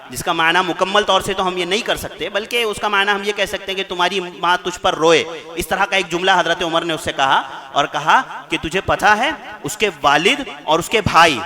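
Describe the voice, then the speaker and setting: A man's voice: high-pitched, pushed and bright. A man giving a Friday sermon in a mosque, retelling stories with quoted dialogue and repeating phrases for emphasis.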